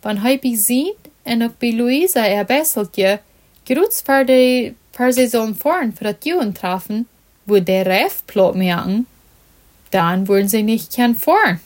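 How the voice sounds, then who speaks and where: Slow woman reading a story aloud. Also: a little high, expressive, darkish tone.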